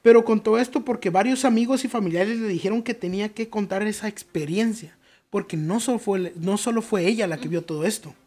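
A man with a Mexican accent, co-hosting a chat show and telling a story in a relaxed, joking, slangy way. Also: sits high, brisk.

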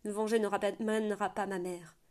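A woman's voice: mid-range voice, flat delivery, fairly quick, a little mellow, natural voice. Storybook young man, proud and desperate, urgent pleading tone, raised voice, a woman playing him.

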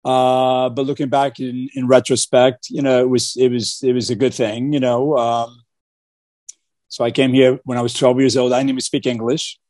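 A man's voice: mid-range voice, little pitch movement, moderate pace, darkish tone, no room sound, studio quality. A man from Portugal talking about his life as a guest on a video call, earnest, with many fillers and repeated starts. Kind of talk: casual interview talk.

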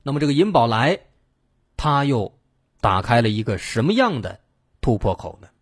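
A man's voice: medium pitch, very animated, normal speed, breathy edge. A man narrating true crime as a dramatic storyteller, building suspense with questions.

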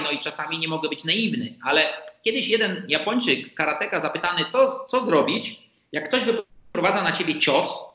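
A man explaining negotiation ideas in an animated conversational way, acting out the quoted exchanges. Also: high voice, roomy sound, poor audio. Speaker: negotiation expert guest.

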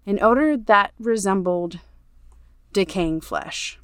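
Woman reading a spooky castle story on a podcast, smooth voice, dry close sound. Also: mid-range voice, animated, no room sound. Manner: measured storytelling read, hushed on dark parts. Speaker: podcast co-host. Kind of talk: reading a ghost story aloud.

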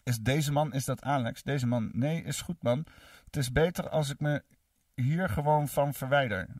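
A man's voice: mid-range voice, moderate pace, a little mellow, breathy edge, no room sound, studio quality, recorded from a distance. A man hosting a livestream, reading and answering chat in a rambling, cursing way full of fillers. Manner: rambling, profane, many fillers.

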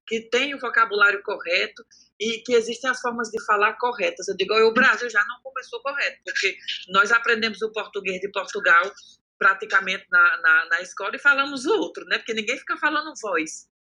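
An adult man with a Northeastern Brazilian accent from Ceará speaks in an outspoken, emphatic way. His voice is pitched high and sounds very bright and forceful. He acts out quoted dialogue with punchy delivery in a relaxed podcast conversation. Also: a little fast. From Cariri, Ceará, Brazil. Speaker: content creator, podcast guest. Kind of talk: casual podcast chat.

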